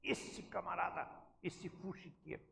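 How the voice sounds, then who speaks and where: A man's voice: sits high, measured pace, creaky, pushed and bright, a little hiss or hum. A man preaching a sermon as pastor, emphatically questioning his congregation. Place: church sanctuary. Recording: echoey church hall.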